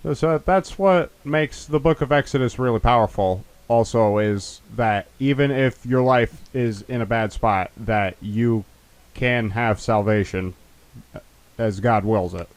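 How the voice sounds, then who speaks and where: A man's voice: medium pitch, unhurried, no room sound. Young guy riffing on a movie, rambly and sarcastic, dead dry mic. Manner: rambling, joking, sarcastic asides. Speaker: movie commentary co-host. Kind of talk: casual movie commentary chat.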